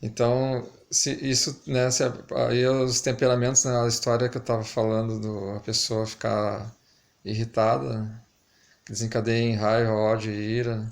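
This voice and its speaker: Low-pitched gravelly man, slurring slightly around retainer. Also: monotone. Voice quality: slightly lisped, stumbling articulation from a dental retainer. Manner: hesitant, reflective, pausing often. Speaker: amateur video maker. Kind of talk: casual talking to camera, unscripted reflection.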